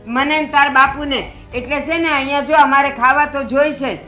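This is an older village mother who speaks. Her high voice turns scolding and aggrieved, and her complaints climb into shouting. She sounds like a film drama character. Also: steady tone, normal speed, soft background music. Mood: reproachful. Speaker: mother-in-law.

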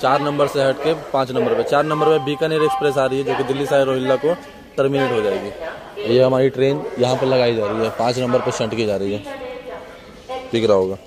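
A man's voice: medium pitch, steady tone, fairly quick, a crowd in the background, low-quality recording. A young man in his twenties narrating a casual travel vlog to a phone camera held at arm's length, chatting with viewers on a train and then on a station platform. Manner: chatty, talks straight to camera, addresses viewers as friends. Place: inside a moving train, later outdoors on a station platform. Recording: loud train and outdoor noise behind.

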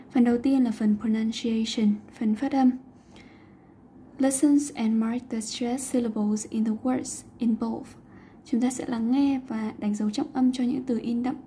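Mellow-voiced woman teaching English. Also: a little high, fairly even intonation, moderate pace, slight background noise. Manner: explains patiently, mixing English words into Vietnamese. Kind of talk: online lesson explanation.

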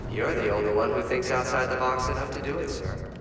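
A man voicing an overly smooth, servile male holographic AI assistant who flatters his master, in a video game. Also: mid-range voice, fairly quick, natural voice. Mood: fawning. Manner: too smooth, fawning, flattering. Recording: echoey and distant with game music behind.

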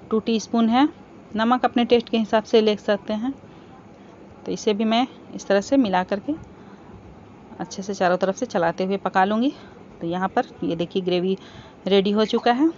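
A woman hosting a cooking channel, calmly explaining each step of a home recipe in a voice-over. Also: medium pitch. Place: home kitchen. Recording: slightly dull home recording with faint background hiss.

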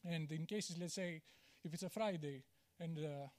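A man speaks from a big auditorium stage into a handheld mic. His voice sits high, and he talks candidly, poking fun at himself. He stops often on "uh" and restarts his sentences. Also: normal speed, a little mellow. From Greece. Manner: candid, self-deprecating, many "uh" fillers and restarts. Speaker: conference speaker. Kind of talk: conference talk.

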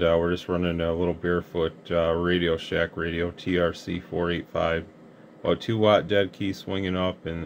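This deep-voiced man, a Michigan CB radio hobbyist and channel host, keeps things casual in a Midwestern American accent. The highs in his voice are cut off, and steady hiss and radio noise run underneath at his indoor radio bench.

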